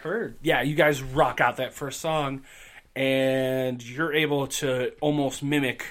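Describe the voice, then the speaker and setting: A man's voice: mid-range voice, fairly even intonation, slow, a bit bright. A man running a tabletop game as game master. He narrates casually, laughs often and swears freely.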